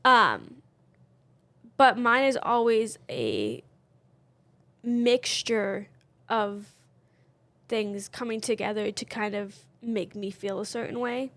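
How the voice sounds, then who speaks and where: A woman's voice: medium pitch, animated, slow, pauses often, fairly bright tone, no room sound. A woman co-hosting a podcast, talking candidly and casually with lots of fillers. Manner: candid, chatty, many fillers. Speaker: podcast co-host. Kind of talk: casual chat.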